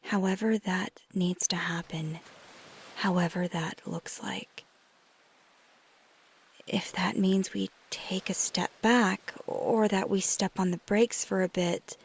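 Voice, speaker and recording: A woman voices a caring, flirty female vampire lover in an intimate, one-sided ASMR roleplay. She speaks tenderly and reassuringly in a breathy, husky half-whisper, her exaggerated voice sitting on the low side.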